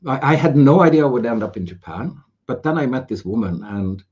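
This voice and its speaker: A man's voice: medium pitch, expressive, brisk, darkish tone, slightly rough, highs cut off. A man from Sweden, a guest on a casual video-podcast interview, talking in a jovial, joking way that drifts into tangents. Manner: jovial, tangent-prone, laughs easily. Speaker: podcast guest, pharma business advisor. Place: home room with air conditioning.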